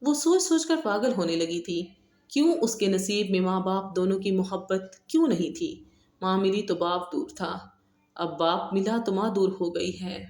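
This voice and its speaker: A woman narrating a romance novel as an audiobook, with steady, dramatic storytelling. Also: mid-range voice. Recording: echoey room.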